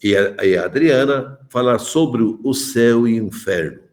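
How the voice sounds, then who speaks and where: A man's voice: mid-range voice, unhurried, a little mellow. A man in his seventies from Malta, a bishop giving a joking, chatty catechesis talk to adults and calling on them by name. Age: 70s.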